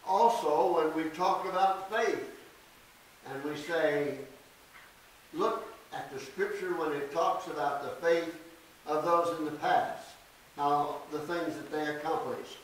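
An older pastor delivers a sermon in a small church sanctuary, reading scripture slowly and deliberately with emphatic stresses. He's picked up from a distance by a podium mic, so the sound carries a boomy church echo and faint hiss.

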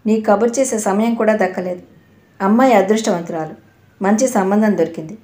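A woman reading the part of a kindly older mother figure who speaks in a warm, reassuring way, in an echoey room. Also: mid-range voice, a little fast, close to an everyday voice. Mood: fond.

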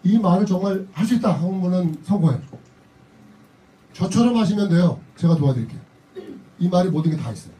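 A middle-aged man giving a motivational seminar talk in a lecture hall. His voice sits high but sounds very dark and mellow, and the mic picks it up from a little way off. He is emphatic and repeats his key lines. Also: animated, a little fast, pauses often, a little hiss or hum. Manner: emphatic, repeats key phrases, drops into blunt casual speech. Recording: voice a bit distant from the mic.

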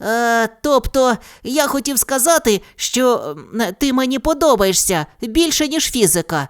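A woman's voice: a little high, expressive, a little slow, no echo, clean studio sound, pitched above the performer's own voice. A woman voicing a nerdy young boy physicist in a storybook reading, nervous and stammering, talking in an over-precise way. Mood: flustered.

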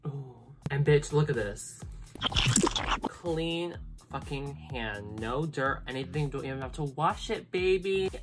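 A woman hosts a makeup tutorial in a very deep, low voice, sassy and full of swearing. She gushes dramatically over each step of her routine. Music plays clearly behind her. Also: moderate pace, hardly any pauses. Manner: sassy, profane, dramatic exclamations. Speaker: makeup vlogger. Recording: music playing underneath.

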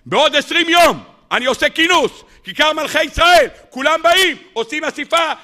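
A man acting out an ancient king who announces a public fast to his people in a loud proclamation. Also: extremely high pitch, lively intonation, pitched above the performer's own voice, full character voice. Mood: commanding. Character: Pharaoh, a proud old king proclaiming.

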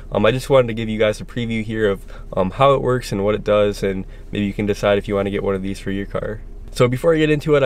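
Man with a sick voice, low and smooth. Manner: relaxed, many ums and uhs. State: sick, hoarse voice. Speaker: car channel host. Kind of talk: casual product walkthrough. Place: inside a car.

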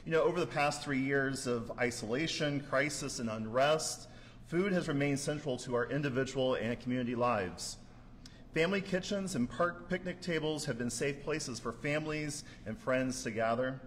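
Board member man addressing graduates, measured and formal; reverberant hall. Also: mid-range voice, a bit bright. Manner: measured, formal with occasional fillers. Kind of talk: prepared ceremony speech. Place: large hall at a graduation ceremony. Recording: echoey hall with faint noise.

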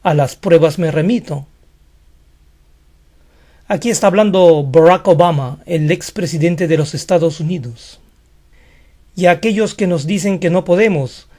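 A man's voice: high-pitched, darkish tone. A man explaining pronunciation in a casual video lesson, chatty and explanatory. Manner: chatty, explains with a skeptical aside. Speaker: language teacher.

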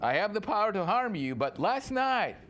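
A man's voice: high voice, sing-song, normal speed, fairly bright tone, voice pushed up. A man voicing an emotional old father-in-law who swings from tearful pleading to threats. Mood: threatening.

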